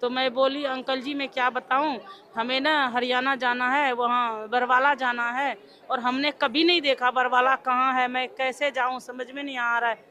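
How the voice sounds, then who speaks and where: High, bright-voiced woman telling her story. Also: flat delivery, normal speed. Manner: acts out remembered dialogue with quoted voices. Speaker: devotee giving testimony. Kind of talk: personal testimony storytelling.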